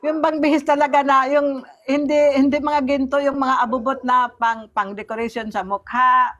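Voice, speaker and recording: A woman telling her personal faith testimony in conversation, earnest and halting, acting out remembered dialogue. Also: sits high, steady tone, a bit bright, muffled recording. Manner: earnest storytelling, often pauses and restarts; replays remembered dialogue in a raised voice. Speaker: church member giving testimony.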